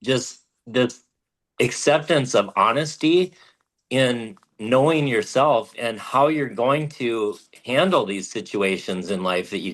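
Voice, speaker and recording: A man in a coaching program reflecting on honesty, halting and thoughtful. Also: mid-range voice. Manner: reflective, halting, restarts often. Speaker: program participant. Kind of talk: group coaching call.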